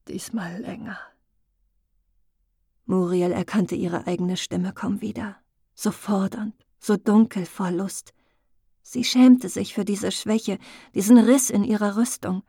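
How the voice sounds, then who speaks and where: A woman narrating an audiobook in a slow, intimate, emotive storytelling manner, recorded close on a studio mic. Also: medium pitch, dark tone, slightly rough, dry recording. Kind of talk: scripted narration.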